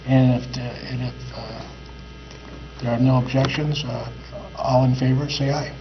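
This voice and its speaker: Halting man chairing a meeting. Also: medium pitch, fairly even intonation. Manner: halting, many uhs. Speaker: school board president. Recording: dull audio with audible mains hum.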